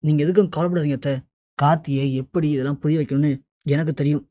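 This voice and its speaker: A narrator reading the lines of a calm young woman who reassures her mother-in-law in a retold TV serial. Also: medium pitch, fast talker, lightly acted. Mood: explaining. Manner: soothing, reassuring.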